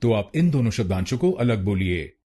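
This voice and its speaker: A man with an Indian accent teaching pronunciation, slowly repeating words syllable by syllable. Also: on the low side, very animated, dark tone. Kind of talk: instructional pronunciation tutorial.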